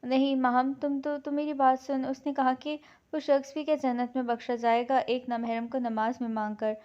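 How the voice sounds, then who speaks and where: A woman's voice: high-pitched, flat delivery, moderate pace, a little mellow, lo-fi sound, close to an everyday voice. A woman voicing a heartbroken, devoted young woman who pleads in distress. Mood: pleading.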